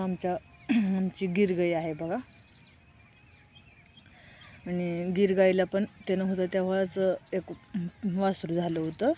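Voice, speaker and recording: Brief: middle-aged woman vlogger, plainspoken and direct with viewers, low-key even delivery, soft mellow tone. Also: a little hiss or hum. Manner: plainspoken, keeps saying "look" to viewers. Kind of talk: casual vlog storytelling.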